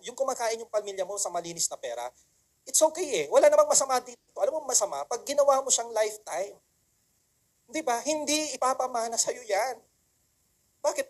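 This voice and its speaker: A motivational speaker with a high voice and darkish tone addresses a seminar audience, coaxing them rhetorically, repeating key phrases and asking for their agreement. He mixes English phrases into his talk.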